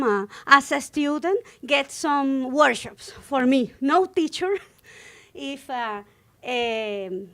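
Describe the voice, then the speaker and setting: High, slow-speaking woman with a Spanish-native lilt. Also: a bit bright. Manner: hesitant, searching for English words, many fillers. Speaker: flamenco dancer guest. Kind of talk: interview conversation.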